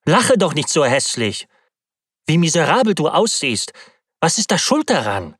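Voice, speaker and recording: A man voicing a worried young male friend who gently scolds and frets over a pale, exhausted companion. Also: fairly high pitch, huge pitch swings, measured pace, slightly rough, no room sound, clean studio sound, voice pushed up, full character voice. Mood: alarmed.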